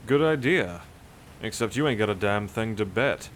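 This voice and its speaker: On the low side but a bit bright, an expressive male voice moves at a moderate pace as a dry, teasing, learned sailor skeptical of his shipmates. This cinematic nautical fantasy audio drama carries a little hiss or hum.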